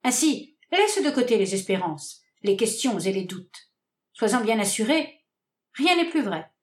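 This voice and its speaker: A woman's voice: a little high, sing-song, unhurried, reverberant. A woman voicing a harsh, scornful young man rejecting his sweetheart in a read-aloud stage comedy, curt and declamatory. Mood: cold contempt.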